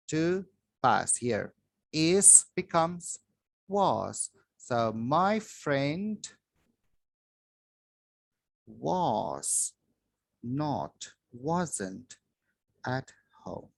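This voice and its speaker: A man teaching English to children, reading a grammar worksheet aloud slowly with long pauses, recorded on a phone over a desk. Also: on the high side, gravelly, no echo. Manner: slow, drawn-out reading with pauses. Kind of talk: slow worksheet walkthrough for children. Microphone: phone filming a worksheet from above.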